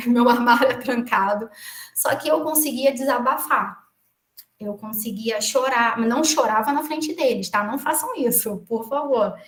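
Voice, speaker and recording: A Brazilian woman gives a lecture and weaves in a personal story in a chatty, digressive way. Her voice sits high. It rings out in a reverberant room. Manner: chatty, many asides and restarts. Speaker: municipal attorney giving a lecture. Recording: echoey room.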